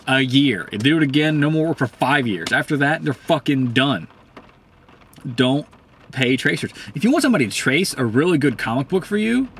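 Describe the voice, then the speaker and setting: A man giving a casual, profane, heated commentary, rambling with many fillers and swinging up in pitch when worked up. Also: a bit bright, a little hiss or hum. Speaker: host.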